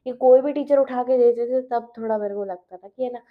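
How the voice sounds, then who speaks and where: Teen girl rambling about her day at home, highish voice, kinda muffled lo-fi audio. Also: a little fast. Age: teens. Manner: chatty, mixes in English, laughs often. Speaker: podcast host. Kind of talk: casual chat.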